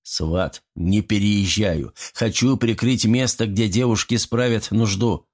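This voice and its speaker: A stern young prince, gruff and curt, speaking low and unhurried, as a male audiobook narrator plays him. His husky voice keeps every line short and firm.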